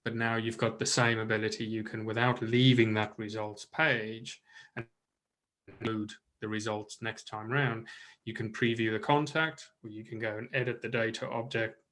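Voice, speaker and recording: A man casually walking a colleague through a software product update, often restarting his sentences as he explains. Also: on the low side, level tone, moderate pace. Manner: rambling, restarts while explaining features.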